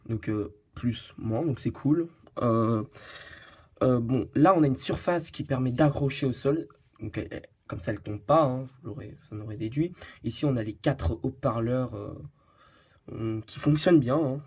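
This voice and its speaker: A man's voice: medium pitch, darkish tone, breathy edge. A man hosting a casual product review, hesitant and full of fillers and restarts, joking at his own expense. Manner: hesitant, many fillers and restarts, giggly and self-mocking. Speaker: host of a tech review channel.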